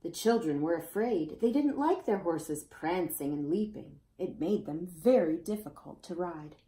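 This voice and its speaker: In an echoey, roomy indoor space, a woman reads a children's picture book aloud at a measured pace. Her pitch moves in an animated, expressive way as she speaks to young listeners.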